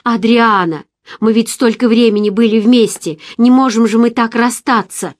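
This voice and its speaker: A woman's voice: fairly high pitch, fairly even intonation, moderate pace, lightly acted. A woman voicing a young man who pleads with the lover leaving him, insistent and desperate. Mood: pleading.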